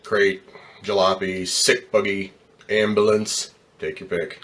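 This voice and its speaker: A man voices a jaded, streetwise ambulance driver in an old-time radio drama, his lowish, forceful voice gruff, slangy and wisecracking with cynicism. Here he sounds wry and jaded, speaking slowly with a flat delivery.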